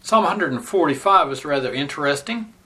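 A man teaching a Bible seminary lesson, speaking deliberately with frequent halting pauses before reading scripture in a solemn, measured way. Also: a little high, expressive, bright, forceful tone, a little hiss or hum.

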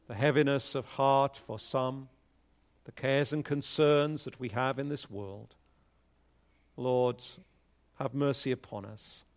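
A man speaking at a pulpit microphone, a pastor leading prayer and reading scripture in a measured, solemn way. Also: mid-range voice. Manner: measured, solemn liturgical delivery.

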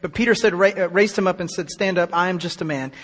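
Emphatic high-voiced male preacher, hall reverb. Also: fairly bright tone. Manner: emphatic, slows down on key words; reads scripture aloud then comments. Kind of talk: sermon.

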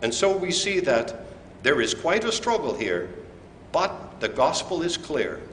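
A man preaching a communion sermon, his voice a little high for a man, every word slow and deliberate. He leans on key words with emphasis. The sound is roomy with a long hall reverb and a faint hum of room noise behind him. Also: very animated, a bit bright. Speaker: pastor. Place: church sanctuary.

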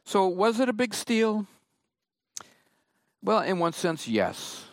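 A man preaching a sermon, reading and explaining scripture in a slow, emphatic way. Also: high-pitched, sing-song, no echo, clean studio sound. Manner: slow, emphatic Bible exposition.

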